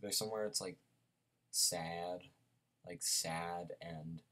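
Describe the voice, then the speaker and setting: Young man, very low voice, casual album review, rambling, filler words, sleepy. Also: steady tone, slow pace, sharp tone. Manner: rambling, many fillers and restarts. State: sleepy, yawning.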